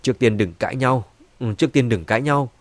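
A cunning, smooth-talking middle-aged man in an audiobook, voiced by a male narrator. He soothes and placates in a conciliatory tone. The recording is dry and close. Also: mid-range voice, a little fast, dry recording, close to an everyday voice. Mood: placating.

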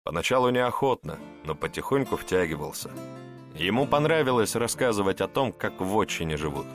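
A man narrating a story in an expressive storytelling manner. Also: on the low side, fairly quick, soft background music. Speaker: audiobook narrator. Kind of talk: scripted narration.

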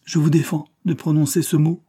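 A man's voice: on the low side, a little slow, dark tone, slightly rough. A man reading the part of a proud young woman, an heiress, torn and pained but speaking firmly and tenderly. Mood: distraught.

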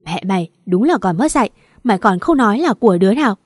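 A woman voicing a furious village mother who shouts and curses at her pregnant daughter. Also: mid-range voice, very animated, breathy edge, no room sound, clean studio sound. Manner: shouting, fast and cursing.

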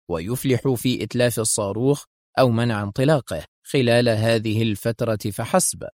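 A man narrating a spy novel audiobook in a measured, steady storytelling voice. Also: medium pitch, no room sound, clean studio sound.

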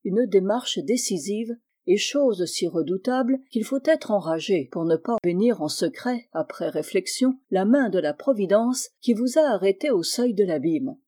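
A woman reads a classic novel aloud in a measured, expressive manner. Her voice is mellow and warm, with a mid-range pitch. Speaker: narrator. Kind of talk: audiobook reading.

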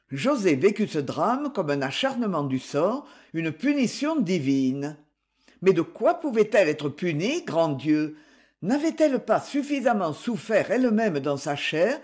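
An audiobook reader giving steady, measured narration of a literary novel. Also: mid-range voice. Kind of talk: scripted narration.

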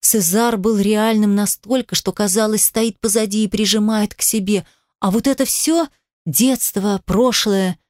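A woman narrates a first-person audiobook, leaning into the heroine's defiance and emotion. Her voice sits at a middling pitch for a woman. The recording is close and dry, with no room echo. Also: steady tone, unhurried, a little mellow.

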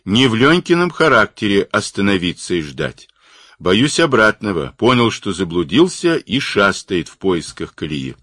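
A man's voice: fairly low pitch, very animated, normal speed, fairly bright tone, no echo, clean studio sound. A man reading an audiobook, voicing a resolute, worried male polar expedition driver.

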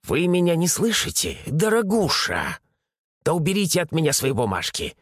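A man's voice: a little high, wildly swooping pitch, normal speed, no echo, clean studio sound, pitched above the performer's own voice. A man voicing a strict, angry old woman clerk who barks her words, in an audiobook. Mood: stern. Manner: barking, stern.

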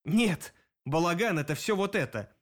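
A man's voice: high voice, animated, moderate pace, a bit bright, pitched above the performer's own voice. A man voicing a sly, grinning male demon detective in an audiobook, mocking and theatrical. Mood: smug.

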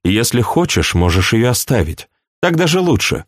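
A man's voice: mid-range voice, sing-song, moderate pace, dry recording, studio quality. A man reading an audiobook, voicing a proud and passionate young princess in a raised, pleading voice. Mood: dismissive.

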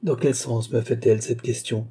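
A man's voice: medium pitch, steady tone, normal speed, mellow, husky. A man reading an audiobook, voicing a timid, flustered duke who serves as royal tutor and answers deferentially. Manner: hesitant, deferential, anxious.

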